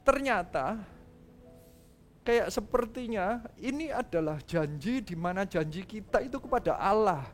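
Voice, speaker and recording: A male pastor telling a story in a sermon, lively and casual, acting out quoted lines and dropping in English phrases. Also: high voice, measured pace, soft background music.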